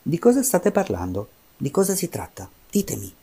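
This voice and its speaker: A man's voice: mid-range voice, fast talker, warm tone, lightly acted. A man voicing a curious, commanding king in a folk tale. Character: village king, older man, curious and grand.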